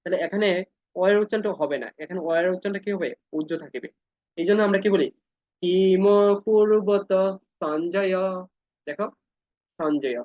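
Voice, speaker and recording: A man teaching an online scripture class, chanting verses slowly syllable by syllable and then explaining them briskly to his students. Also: high voice, darkish tone, dry recording, lo-fi sound. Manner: addresses students directly, asks them to follow along.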